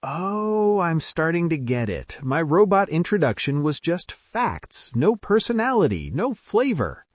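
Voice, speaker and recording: Animated, comic American man. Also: fairly high pitch, measured pace, few pauses, no room sound, clean studio sound. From United States. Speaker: learner in a lesson dialogue. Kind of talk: scripted conversation lesson.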